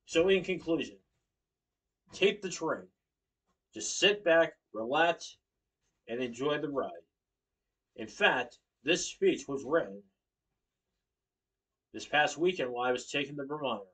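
On the high side and husky, yet fairly bright, this young man's voice has lively intonation; he's unhurried and pauses often. He's from Connecticut, standing and gesturing at home as he gives an informative class speech with occasional self-corrections. A webcam across the living room picks him up from afar.

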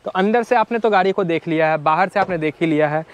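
Out on a used-car lot, a young male host walks viewers around the cars in a relaxed showcase, talking fast in a higher-pitched voice. He's chatty, drops English phrases, and calls the audience brothers; the clip-on lapel mic gives a dry recording.

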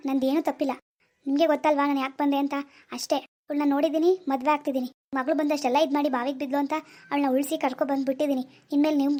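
A young man acts out a stubborn young villager from in a homemade drama. He talks fast and blunt in a fairly high voice. He never gives ground. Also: darkish tone. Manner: quick, blunt arguing.

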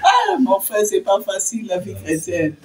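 A woman's voice: mid-range voice, very animated, normal speed, darkish tone. A woman giving a personal faith testimony as an interview guest, telling her story with animation and acting out the words of others. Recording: distant mic with faint noise.

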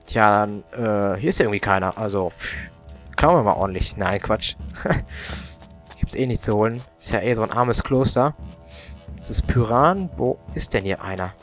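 A man's voice: lowish voice, lively intonation, moderate pace, a bit bright, soft background music. A young man doing casual gaming commentary, grumbling and swearing as he plays. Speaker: let's player.

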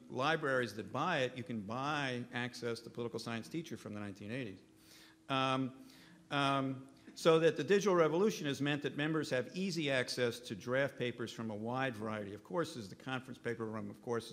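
A man's voice: mid-range voice, fairly bright tone. A man in his fifties giving a conference keynote lecture from a podium microphone in a hotel ballroom, often stopping to correct himself. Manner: halting, self-correcting delivery. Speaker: keynote speaker.

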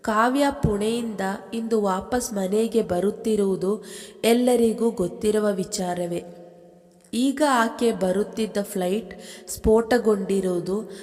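A woman reading a romantic story aloud as a storyteller, in a steady, measured narration. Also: medium pitch. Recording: long reverb.

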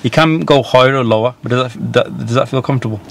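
A man's voice: medium pitch, fast, vocal fry. A man in his thirties working as a driving instructor, talking a learner through steps and often checking with a "yeah?". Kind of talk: instructing a learner, conversational question and answer. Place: inside a parked car. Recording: noticeable car-cabin background noise.

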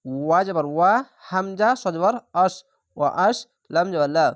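A man teaching Quran reading who spells out each letter and vowel mark before slowly reciting the whole word. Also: high-pitched, no room sound, studio quality. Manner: draws out recited words slowly.

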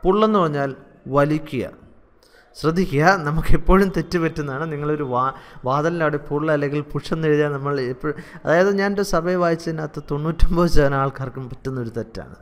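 A man with a Malayali accent teaching English verb forms in a lesson, repeating each one slowly in drills. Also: fairly high pitch.

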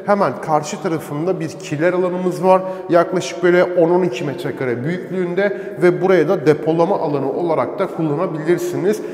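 Man, high-pitched, property tour, held-back volume, cave-like echo, empty tiled room. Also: fairly quick, few pauses, a little mellow. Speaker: real estate agent presenting a villa tour. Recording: echoey empty basement room.

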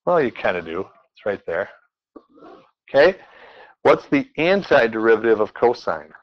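A man's voice: mid-range voice, sing-song, moderate pace, lo-fi sound. A man teaching a math class in a classroom, working examples aloud and playfully quizzing his students as he goes. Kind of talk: classroom lecture.

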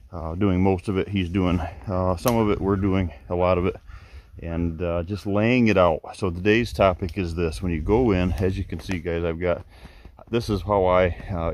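A man's voice: deep voice, a little mellow, dry recording. A man hosting a vlog as a habitat consultant, walking and talking outdoors on a rural property in a loose, rambling way that often restarts sentences. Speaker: habitat consultant and channel host. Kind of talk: casual walk-and-talk vlog.

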